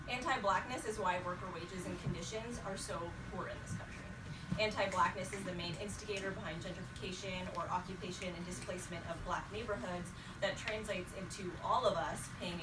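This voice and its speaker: Impassioned woman speaker in a roomy hall. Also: on the low side. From North Carolina, USA. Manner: impassioned and direct, with frequent "um" fillers. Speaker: panel speaker at an organizing event. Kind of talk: prepared speech delivered to a group. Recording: roomy, distant mic, clear background noise.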